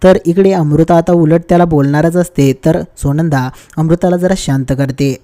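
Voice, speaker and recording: A man's voice: fairly high pitch, steady tone, moderate pace, dark tone. A man giving a casual, chatty recap of a TV serial episode, telling the story step by step and often addressing his viewers as friends. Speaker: TV serial reviewer.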